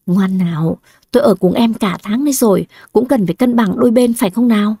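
A woman's voice: mid-range voice, brisk, warm tone, no room sound, natural voice. A woman voicing a troubled middle-aged man, head of a clan, who speaks curtly and wearily. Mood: coaxing.

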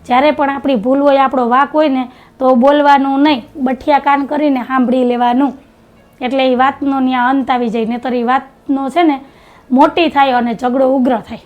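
A middle-aged woman talks casually for her home vlog. Her voice sits high, and she teases and hands out homespun advice. She rattles on in an easy, chatty way. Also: steady tone, normal speed, highs cut off. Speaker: family vlogger.

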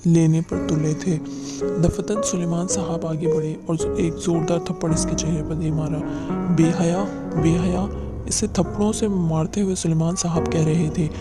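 A man's voice: on the high side, fairly even intonation, normal speed. Man narrating a novel over music. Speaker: audiobook narrator. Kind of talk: dramatic audiobook narration of a novel.

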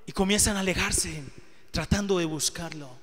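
A man's voice: high-pitched, moderate pace, a bit bright. A man preaching a sermon, telling his own story with earnest testimony that rises to emotional emphasis. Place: church hall. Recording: live church hall with long reverb.

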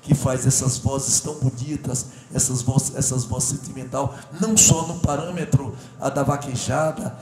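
A middle-aged talk show host, wearing a lapel mic on a TV studio set, talks in an effusive, rambling way, joking and shouting at the crew. His voice is medium-pitched with fairly even intonation, and he keeps a moderate pace with few pauses. The studio sounds echoey, with audible background noise.

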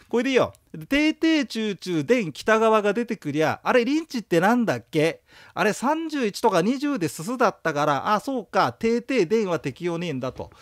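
A man with a fairly high voice lecturing in a recorded audio class. His delivery is casual and joking, his pitch swings a lot, and he leads his listeners through rhythmic memory chants. The sound is dry and close. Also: big pitch swings, brisk, few pauses, no echo. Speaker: exam prep lecturer.

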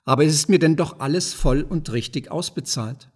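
A stocky, slow-thinking craftsman from a classic storybook who answers haltingly and hesitantly, as a male audiobook reader does him. The tone is slightly husky. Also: fairly high pitch. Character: slow-witted, sturdy craftsman master, hesitant.

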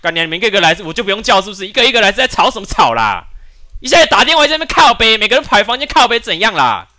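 A man's voice: high voice, very animated, very fast, bright, forceful tone, no room sound. A man with a Taiwanese Mandarin accent, a game streamer ranting and cursing nonstop while he plays. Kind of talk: raging live-stream rant.

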